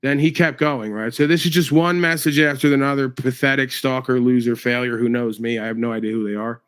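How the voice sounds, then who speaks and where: A man's voice: medium pitch, fairly even intonation, a little fast, smooth. Profane New man ranting. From New York. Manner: profane, confrontational, mocking. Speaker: livestreamer. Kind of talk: angry livestream rant.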